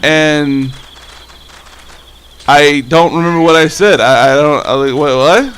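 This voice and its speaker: A man's voice: fairly high pitch, fairly even intonation, unhurried, a bit bright, clear, resonant tone. A young man casually telling a story on his vlog, rambling and swearing, with many restarts. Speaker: vlogger.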